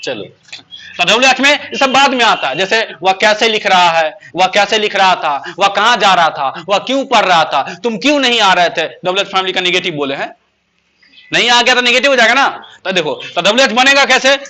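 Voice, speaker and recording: A male teacher gives a classroom grammar lesson. He keeps asking his pupils questions and says English example sentences slowly and emphatically. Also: high-pitched, bright, forceful tone. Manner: asks pupils constant rhetorical questions.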